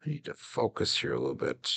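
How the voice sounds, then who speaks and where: A tired man streams his craps practice, talking fast in a fairly bright voice. Between dice throws he coaches himself, chats with viewers, and laughs often in casual solo commentary.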